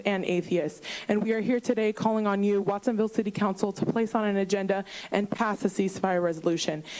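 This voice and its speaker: A woman giving a prepared public comment at a city council meeting, speaking in an earnest, steady and impassioned way into a podium microphone. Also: mid-range voice, poor audio.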